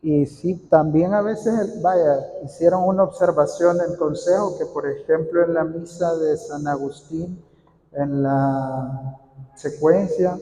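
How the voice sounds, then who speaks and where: A man's voice: on the high side, warm tone. A man leading a training workshop for church readers, talking informally to a group, repeating key points and answering questions from the room. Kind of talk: informal instructional talk to a group. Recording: echoey hall with long reverb.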